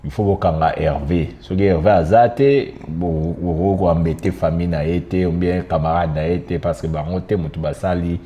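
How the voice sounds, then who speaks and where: A man with a Congolese French accent co-hosting a casual discussion, talking haltingly and giving examples in mixed French and Lingala. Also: low-pitched, fairly even intonation, mellow. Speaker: podcast co-host.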